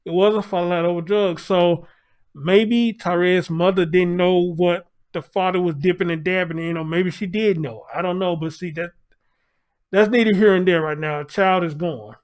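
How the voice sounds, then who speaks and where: A man giving a casual news update to viewers, speaking through a face mask in a halting way and repeating phrases. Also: high-pitched. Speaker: online news commentator.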